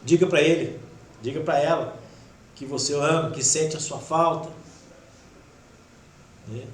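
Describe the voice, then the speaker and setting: Brazilian male spiritist lecturer, emotional, loud then hushed, echoey hall with faint background noise. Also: a little high. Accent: Brazilian Portuguese. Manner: emotional, swings between loud urging and soft near-whisper. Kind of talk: devotional talk.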